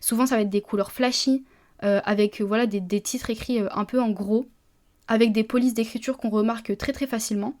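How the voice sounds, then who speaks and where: A chatty woman talks straight to her listeners in a casual solo podcast. Her voice sits a touch high, and she often stops and restarts her sentences with lots of fillers. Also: fairly even intonation, fairly quick, a little mellow. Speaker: publisher and podcast host.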